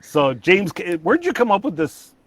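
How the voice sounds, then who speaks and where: A man's voice: high voice, sing-song, moderate pace, no room sound. A man hosting a casual livestream chat, rambling with restarts and laughter. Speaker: livestream host.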